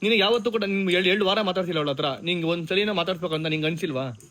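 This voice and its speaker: A man's voice: high voice, quick pace, a bit bright. A man running a casual family vlog, coaxing and insistent as he tries to get two relatives to make up. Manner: coaxing, insistent, talks over others. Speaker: vlogger mediating a family quarrel.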